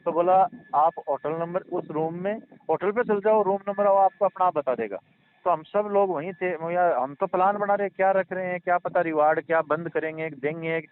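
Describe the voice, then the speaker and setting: At a moderate pace, a man with a high voice earnestly explains and reassures someone in a casual phone conversation. His talk is rambling and repetitive, and the line sounds tinny with faint noise.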